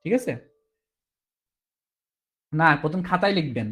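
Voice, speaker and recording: A man's voice: fairly high pitch, expressive, measured pace, breathy edge. A man teaching a recorded exam-prep class, explaining step by step and often asking "ঠিক আছে?", sounding tired. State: tired, low on energy.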